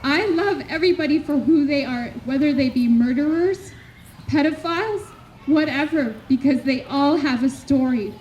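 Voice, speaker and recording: A Canadian woman delivers a heartfelt public address at a community memorial gathering, speaking slowly and earnestly with measured pauses between phrases. Her voice is high-pitched and mellow. The recording is dull and lo-fi, with faint background noise.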